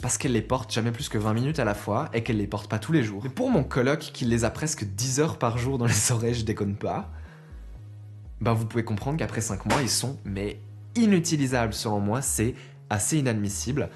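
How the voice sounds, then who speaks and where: A man's voice: mid-range voice, a little fast, a little mellow, soft background music. A man giving an opinionated consumer rant to viewers, exasperated and emphatic, conversational and full of rhetorical questions. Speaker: video presenter.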